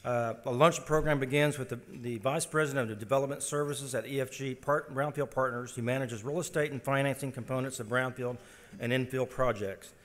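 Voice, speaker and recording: A man's voice: mid-range voice, steady tone, fairly quick. Emcee guy reading the intro, trips on words, echoey hall. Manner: stumbling over words. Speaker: event emcee. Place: large conference hall. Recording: long hall reverb.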